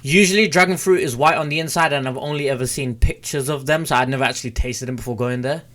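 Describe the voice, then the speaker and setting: A man's voice: mid-range voice, fast talker, a bit bright. A young British man in his twenties telling stories casually and informally to camera, speaking close into a desk mic. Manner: informal, chatty, mildly sweary. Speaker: vlogger. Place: small room at home, indoors. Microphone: close desk mic with foam cover on a boom arm.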